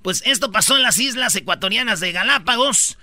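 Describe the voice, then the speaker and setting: A man's voice: sits high, lively intonation, fairly quick, bright, forceful tone, no room sound. A man with a Mexican accent hosting a comedic radio countdown, telling stories in slang and acting out the voices of the people in them. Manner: joking storyteller, acts out quoted voices, slangy. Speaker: radio show host.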